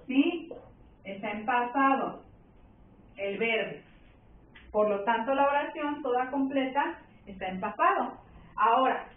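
A woman with a Mexican accent teaching a primary school grammar lesson, patiently checking in with her pupils. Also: high voice. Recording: tinny distant echoey room.

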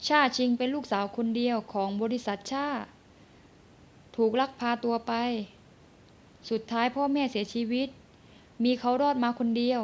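Manga dub: stern young husband, curt and commanding, read by a woman in a high register. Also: moderate pace, pauses often, natural voice. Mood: explaining.

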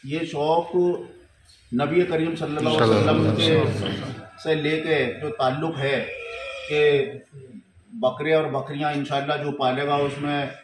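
A man with a slightly high voice delivers a slow, earnest thank-you speech. His formal phrasing carries through an echoey indoor hall. A light hum of noise sits under the recording. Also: fairly even intonation, a crowd in the background. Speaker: goat farm owner. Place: indoor hall with a crowd of men. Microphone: handheld mic held close. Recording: echoey room with some noise.

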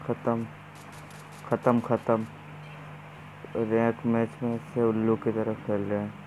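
A man's voice: on the low side, a little slow, noisy background. A man streaming a mobile battle game live, talking to viewers and urgently calling out instructions to his teammates. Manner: excited, shouts instructions to teammates. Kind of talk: live gameplay commentary.

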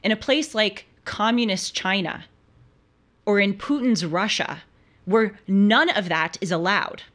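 A woman's voice: medium pitch, a little slow, a bit bright. A young woman in her twenties hosting a studio talk show, giving emphatic, argumentative commentary with frequent restarts. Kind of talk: opinion commentary. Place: studio with purple lighting.

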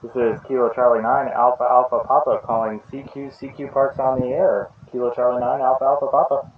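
A man's voice: mid-range voice, flat delivery. Man making ham radio calls, far and muffled. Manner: repeats call signs slowly, brisk and procedural. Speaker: amateur radio operator. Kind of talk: ham radio contact calls in phonetic call signs. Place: outdoors in a state park. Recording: muffled distant mic with loud noise.

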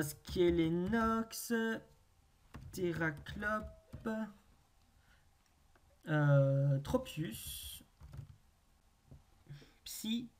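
A gaming video host thinking aloud through a naming quiz, hesitant with drawn-out pauses and wry self-mocking asides. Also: medium pitch, a little mellow.

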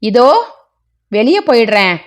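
Casting: a wailing, bitter middle-aged wife, slow and lively in pitch, read by a woman storyteller. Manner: wailing, reproachful.

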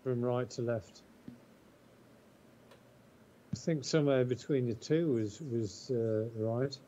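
A man playing a golf video game, chatting easily with a friend and thinking out loud as he reads his putts. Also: mid-range voice, unhurried, slight background noise. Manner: easygoing, thinks aloud with restarts. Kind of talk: casual gaming chat. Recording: dull lo-fi mic.

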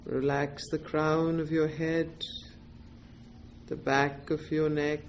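Guiding a meditation, this woman talks at a very slow pace in a somewhat low register, her delivery flat. Her gentle directions come in brief, measured phrases separated by space. There's a light wash of noise in the background.

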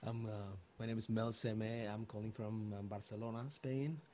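A man's voice: lowish voice, fairly even intonation, moderate pace, mellow, slight background noise. A man from Cuba, a musician, speaking reflectively about music and spirituality on a video call. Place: Barcelona home.

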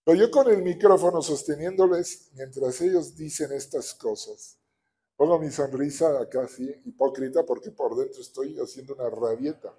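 A man with a Mexican accent preaching a sermon as a pastor, animated and often asking the congregation for agreement. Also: mid-range voice, normal speed. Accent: Mexican Spanish.

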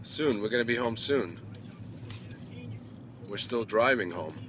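A father talking gently and patiently with his small child while driving, filmed on a phone. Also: on the low side, animated, a little slow. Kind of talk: casual chat with a child. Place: in a moving car. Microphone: phone camera held while driving. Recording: car road noise.

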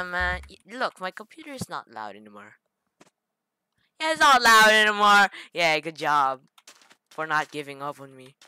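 A woman's voice: fairly low pitch, pushed and bright, a little hiss or hum. A woman hosting a gaming channel, rambling through casual gameplay commentary with self-mocking jokes and stammered restarts. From Philippines.

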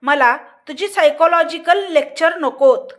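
A woman reads an angry, wounded male army officer from a storybook. His lines come out curt and biting, pitched high and delivered slowly. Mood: bitter.

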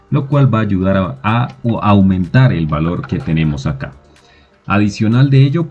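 Deep dark-voiced man walking through an app. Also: breathy edge, highs cut off. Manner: walks through an app on screen, reading its texts aloud. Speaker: video host. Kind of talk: screen-recorded app tutorial.

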